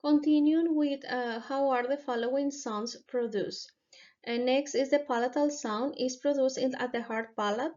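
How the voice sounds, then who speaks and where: A woman narrating a lesson over slides, explaining carefully and often pausing with hesitations. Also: sits high, steady tone, darkish tone. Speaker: presenter explaining phonetics. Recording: dull, lo-fi recording.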